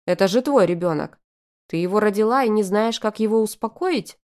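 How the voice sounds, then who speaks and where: A woman's voice: medium pitch, animated, brisk, darkish tone, close to an everyday voice. A woman doing a stern angry young father. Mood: cold anger. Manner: growling, clipped, cold.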